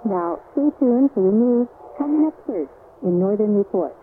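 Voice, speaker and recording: A woman presenting and reading the news in a crisp, even newsreader delivery, heard over fading shortwave radio reception. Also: mid-range voice, moderate pace, phone-quality sound. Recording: thin shortwave broadcast with faint static.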